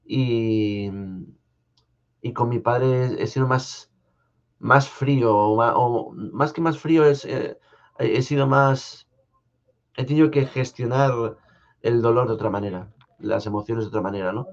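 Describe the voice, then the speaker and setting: Hosting a casual live chat from his home studio, a young Spaniard reads out viewers' comments and replies in a soft, hesitant way full of restarts. His voice is mid-range and steady in tone, with a Spanish accent from Spain. The stream sound is a bit dull and lo-fi.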